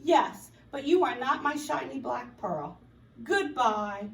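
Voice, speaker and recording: A woman's voice: high-pitched, lively intonation, slow, vocal fry, full character voice. A woman voicing a young female caterpillar who speaks with wounded firmness in a storybook reading. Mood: hurt, firm. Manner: wounded, firm. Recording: roomy, from a distance.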